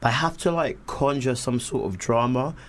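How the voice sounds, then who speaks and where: Young london bloke, casual slangy radio guest chat, bit hedgy, noisy recording. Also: male voice, medium pitch, moderate pace.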